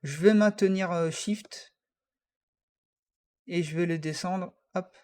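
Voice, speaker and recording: Homme hésitant qui explique un logiciel. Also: male voice, high voice, slow pace, darkish tone. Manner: hesitant, many fillers, talks through each click. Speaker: software tutorial teacher. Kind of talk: screen-recorded software tutorial.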